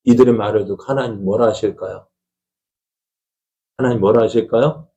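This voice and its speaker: A man's voice: fairly low pitch, steady tone, moderate pace, dark tone, poor audio. A middle-aged man, a pastor, preaching a conversational Sunday sermon in a church, asking the congregation questions and acting out family quarrels. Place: church sanctuary.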